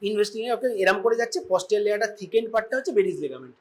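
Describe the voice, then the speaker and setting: A man with a Bengali accent teaches a classroom of medical students in a relaxed, conversational way. He keeps asking questions and checks in with a quick "okay?" as he goes, mixing English terms into his talk. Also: sits high. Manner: informal, quizzing students, frequent "okay?" check-ins. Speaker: surgery lecturer.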